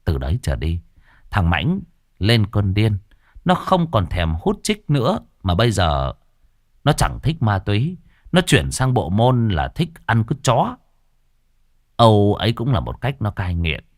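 A man's voice: fairly low pitch, huge pitch swings, measured pace, dry recording, studio quality. A man telling a ghost story, dramatic and vivid with earthy humor.

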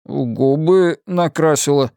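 A man's voice: fairly high pitch, slow, gravelly, warm tone, clear, resonant tone, dry recording, studio quality. A man voicing a good-natured police chief in an audiobook who avoids conflict and talks in a soothing way.

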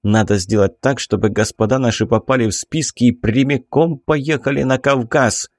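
A man's voice: mid-range voice, fairly even intonation, moderate pace, a little mellow, dry recording, studio quality, lightly acted. A man reading an audiobook, voicing a cautious, timid investigator who talks in a hesitant, placating way. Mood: persuasive. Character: cautious middle-aged male investigator, timid.

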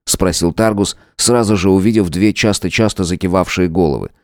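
Мужчина с очень низким голосом ровно и размеренно читает аудиокнигу. Запись сухая, без отзвука помещения. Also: male voice, deep voice, dry recording, clean studio sound. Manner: steady, measured reading. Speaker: audiobook narrator. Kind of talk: scripted narration.

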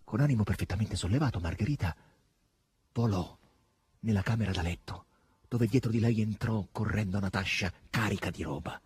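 A man reading a novel aloud as an audiobook, with expressive, dramatic narration. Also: on the low side, fairly quick, breathy edge. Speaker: audiobook reader. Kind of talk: scripted narration.

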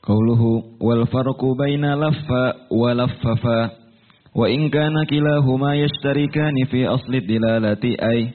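A man, a student, reading a text aloud in class slowly and carefully. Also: medium pitch. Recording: distant tinny phone-like classroom recording.

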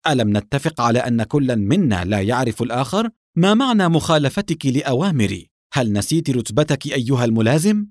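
A man reading an audiobook, voicing a stern male lieutenant colonel who speaks curtly and forcefully. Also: medium pitch, lively intonation, a little fast, no room sound, studio quality, natural voice. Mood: angry.

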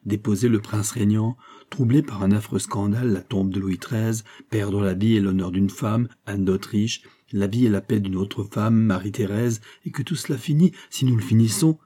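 A man's voice: on the low side, moderate pace, mellow, close to an everyday voice. A man reading a frantic, indignant old-world minister. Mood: urgent. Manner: pleading, rising to outraged exclamations. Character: agitated middle-aged male French minister, anxious and indignant. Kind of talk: audiobook character reading.

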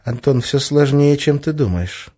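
A man's voice: medium pitch, big pitch swings, moderate pace, a little mellow, breathy edge, pitched above the performer's own voice. A man voicing a playful, sly young witch woman in an audiobook, teasing and coaxing in a lilting tone. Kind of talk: audiobook character voice. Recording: slightly muffled lo-fi recording.

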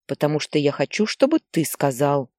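A woman voicing an angry, short-tempered mother who scolds and shouts harshly at her son. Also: deep voice, very animated, moderate pace, no echo, studio quality. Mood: stern.

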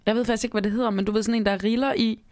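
A woman reading a children's Christmas story aloud as narrator, in a calm, measured way, then chatting casually. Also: on the high side, no echo, clean studio sound. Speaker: storyteller and co-host.

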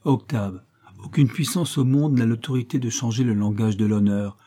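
A man's voice: mid-range voice, normal speed, dark tone, natural voice. A man reading aloud the tender, moralizing letter of an earnest young wife.

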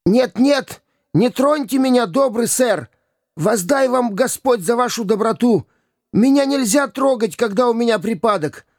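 Man doing Hugo, a sly high-voiced beggar boy. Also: animated, a little slow, darkish tone, no room sound, clean studio sound. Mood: whining plea. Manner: wheedling, jeering, pleading when begging. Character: sly mocking vagabond boy, cunning beggar.

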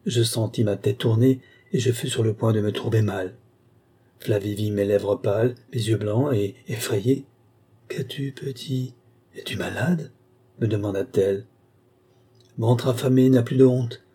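An audiobook reader, a man with a fairly low, slightly breathy voice, narrates a classic novel aloud. His storytelling is measured and even, suited to literary narration.

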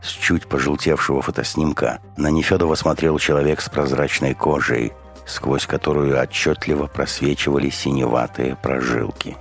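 A man reading an audiobook in steady scripted narration. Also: rumbling low, normal speed, vocal fry. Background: faint music.

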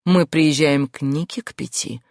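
A woman's voice: deep voice, moderate pace, vocal fry, darkish tone, dry recording, clean studio sound. Sardonic woman reading a novel aloud. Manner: sardonic, brash, crude asides. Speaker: audiobook narrator. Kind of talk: first-person novel narration.

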